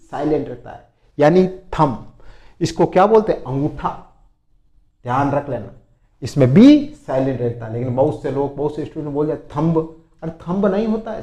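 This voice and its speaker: Lively male teacher, echoey room. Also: fairly high pitch. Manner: repeats words slowly for drilling. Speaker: English teacher. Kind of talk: spoken vocabulary lesson.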